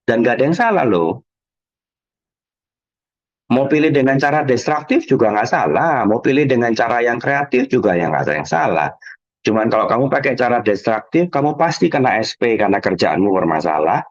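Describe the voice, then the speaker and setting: A man from Indonesia, giving a motivational talk as an emotional coach, telling stories animatedly and acting out quoted voices. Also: moderate pace. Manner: animated storytelling, acting out quoted voices with sudden high jumps. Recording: slightly dull lo-fi audio.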